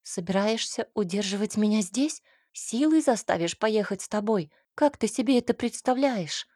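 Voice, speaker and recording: A woman's voice: medium pitch, normal speed, darkish tone, husky, no echo, clean studio sound, lightly acted. A woman voicing a frightened but defiant young married woman in an audiobook, speaking insistently. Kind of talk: audiobook character reading.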